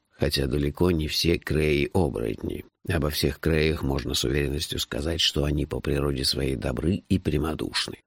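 A man reading an audiobook, voicing a calm, learned man who explains things slowly and a little condescendingly. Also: very deep voice, gravelly, no room sound, heavily acted. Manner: slow, measured, professorial explaining.

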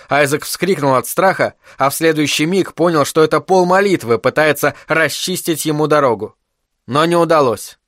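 A man reading an audiobook in a steady, even narration. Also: fairly high pitch, no echo, clean studio sound. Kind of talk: scripted narration.

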